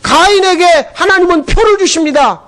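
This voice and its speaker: A male pastor with an unusually high voice delivers a Sunday sermon. He tells scripture as a story, dropping into quoted lines and swinging his tone up and down to act out the characters. He sounds middle-aged and speaks with a preacher's storytelling drive. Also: moderate pace, fairly bright tone. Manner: storytelling preacher who acts out biblical dialogue in shifting voices.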